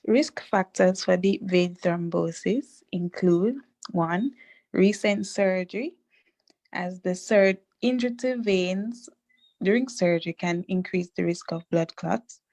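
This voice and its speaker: A woman in her twenties, a quiz contestant, introducing herself and reading answers slowly and deliberately. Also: fairly low pitch, darkish tone, rough recording. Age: 20s. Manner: slow and deliberate.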